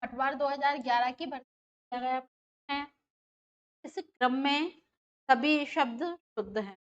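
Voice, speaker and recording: Speaking unhurriedly in a high voice, a woman teaches grammar for an exam, walking through it step by step while repeating terms and questioning her students. The top frequencies are missing.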